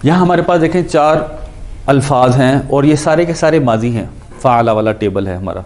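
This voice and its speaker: A male teacher giving a grammar lesson at an ordinary middle pitch. He explains step by step, repeats each verb form as he drills it, and slips English words into his explanations. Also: darkish tone. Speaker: Quran and Arabic grammar teacher.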